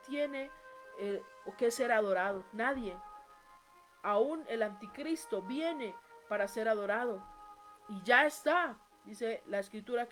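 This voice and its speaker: Woman preaching, higher voice. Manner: reads scripture aloud with emphatic rising voice. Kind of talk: sermon.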